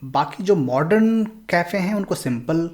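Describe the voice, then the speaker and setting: A man's voice: high voice, expressive, a little slow, a little mellow. Man teaching a language lesson. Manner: explains patiently, mixing Hindi and English.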